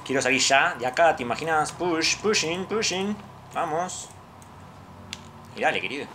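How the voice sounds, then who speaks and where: A gamer with a Rioplatense Spanish accent giving chatty let's-play commentary into a headset mic, dropping to low mutters between startled outbursts. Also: lively intonation, moderate pace, noisy background.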